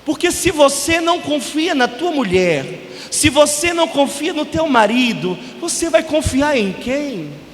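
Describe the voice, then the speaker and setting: Brazilian priest, man, very high voice, emphatic sermon, long church reverb, faint hiss. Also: big pitch swings, measured pace. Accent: Brazilian Portuguese. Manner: emphatic preaching, sudden loud bursts and soft drops. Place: large church.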